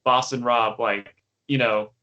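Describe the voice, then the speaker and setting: A man's voice: medium pitch, flat delivery, a little slow, sharp tone, dull audio. A young man co-hosting a podcast, chatting casually about a TV show with lots of fillers and restarts. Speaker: podcast co-host. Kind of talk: casual chat.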